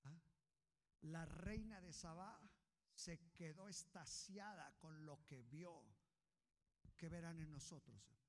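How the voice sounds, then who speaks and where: Pastor, male, high gravelly voice, impassioned sermon in a reverberant hall. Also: slow pace, pauses often. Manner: impassioned, swings from hushed to shouting.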